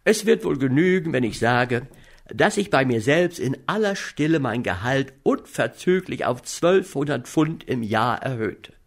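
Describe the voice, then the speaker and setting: Slow, expressive male audiobook narrator. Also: mid-range voice. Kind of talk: first-person literary narration.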